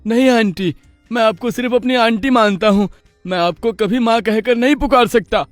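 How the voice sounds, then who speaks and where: A man's voice: very high voice, moderate pace, dry recording, soft background music. A man voicing a jealous, resentful young male calf in a cartoon story. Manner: bitter and resentful.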